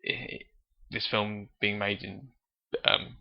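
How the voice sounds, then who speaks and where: Gravelly man, podcast film talk. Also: on the low side, completely flat delivery, slow pace. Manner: thoughtful, hesitant, chuckling. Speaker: podcast co-host. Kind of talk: casual film discussion. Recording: dull lo-fi podcast audio.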